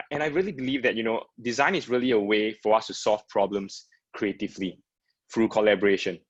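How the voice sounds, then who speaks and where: A product designer from Singapore gives a casual webinar presentation as a guest speaker, his voice fairly low in pitch with a fairly bright tone. He leans on frequent fillers and repeated words. The audio is dull, lo-fi sound from a video call.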